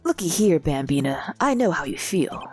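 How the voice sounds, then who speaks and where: A woman's voice: deep voice, very animated, normal speed, darkish tone, husky, soft background music, exaggerated voice. Woman putting on a drawling cowboy detective. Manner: mock Western drawl, self-conscious.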